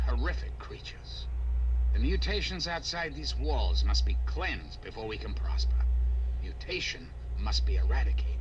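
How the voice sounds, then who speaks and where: An actor voicing a scheming male AI leader in a video game, with a calm, menacing evil AI voice, measured and coldly polite. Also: fairly low pitch. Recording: muffled, distant, noisy game capture.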